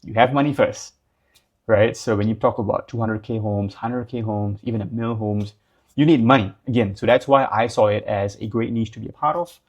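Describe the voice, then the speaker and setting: A young man from Singapore talks through business advice in a relaxed, conversational way, often padding his sentences with "like" and "um". His voice sits a little low. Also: moderate pace, lo-fi sound. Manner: loose and conversational, many fillers like "like" and "um". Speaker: business coach. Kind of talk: casual talking-head advice.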